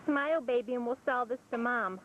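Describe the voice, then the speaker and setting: A woman's voice: on the high side, a little fast, highs cut off, very noisy. A woman filming a home video, coaxing and playful as she talks to a baby, heard on an old camcorder tape. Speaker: home video camera operator. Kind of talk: casual home video chatter. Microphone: camcorder built-in mic.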